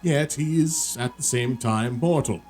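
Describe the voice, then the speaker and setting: A man voicing an ancient, solemn dragon from a video game in a dragon voice, with slow, archaic pronouncements. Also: mid-range voice, darkish tone, faint music behind, lightly acted. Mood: grave, stately. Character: ancient solemn male dragon, grand and godlike. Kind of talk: reading video game dialogue in character.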